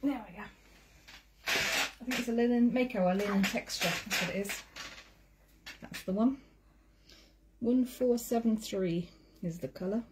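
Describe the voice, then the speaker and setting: A woman's voice: mid-range voice, a little slow, long pauses. A woman hosting a quilting livestream, chatting casually while she sews and greeting viewers. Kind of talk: casual chat while sewing. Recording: noisy home livestream audio.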